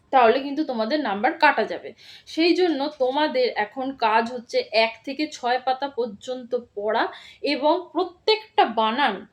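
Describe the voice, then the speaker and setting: A woman teacher giving a children's reading lesson, patiently spelling words out syllable by syllable. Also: high-pitched. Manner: slow syllable-by-syllable spelling drills, instructive and patient.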